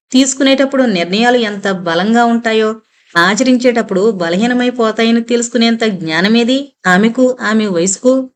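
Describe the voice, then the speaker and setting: A woman narrating a full-length novel as an audiobook, reading the dialogue in her own voice with steady storytelling. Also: medium pitch.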